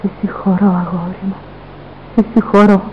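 A woman's voice: mid-range voice, level tone, phone-quality sound, a little hiss or hum, natural voice. An actress playing a dying noblewoman mother, remorseful and tender, breathless and fading into whispers as she takes leave of her son. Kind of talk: theatrical radio drama acting.

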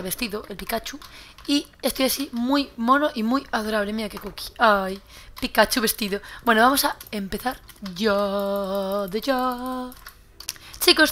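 A woman's voice: on the high side, fairly bright tone, slight background noise. A young woman from Spain with a Spanish accent, chatting casually while playing a game and often repeating words as she loots. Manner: chatty, repeats words while looting, swears when surprised. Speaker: gaming youtuber. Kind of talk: casual gameplay commentary.

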